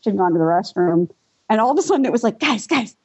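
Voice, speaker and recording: A woman's voice: mid-range voice, animated, racing, mellow, breathy edge. A woman co-hosting a podcast, telling party stories in a casual chat and laughing often. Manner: giggly, laughs through her stories. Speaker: podcast co-host. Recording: dull lo-fi sound.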